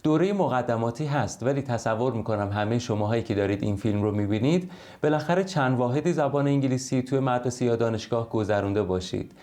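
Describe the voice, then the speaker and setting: Male language tutor, patient step-by-step explainer, mid-pitched voice, online lesson. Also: darkish tone. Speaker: English teacher.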